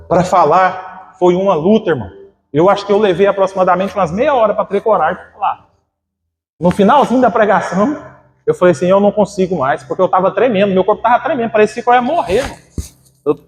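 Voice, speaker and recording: A man preaching a fervent sermon, telling a personal testimony and often calling the listeners brother. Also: sits high. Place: church. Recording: reverberant church hall with faint music.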